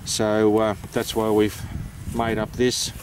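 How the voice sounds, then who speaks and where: In an informal explanatory vlog, an Australian amateur radio operator talks through practical details in a low, monotone voice at a slow pace. He is hesitant and unscripted, explaining things plainly and matter-of-factly, with some noise behind him.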